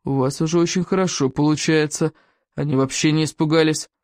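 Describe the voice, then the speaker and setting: A reader voicing a loud, gruff Viking teacher who barks orders at his young pupils. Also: fairly even intonation, a little fast, dry recording, studio quality, lightly acted. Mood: hearty. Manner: booming, commanding.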